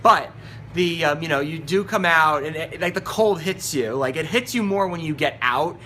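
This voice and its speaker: Bright-voiced man, rambling and halting. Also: on the high side, a little hiss or hum. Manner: rambling, halting, repeats words. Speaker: movie reviewer. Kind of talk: informal spoken commentary. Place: New York area.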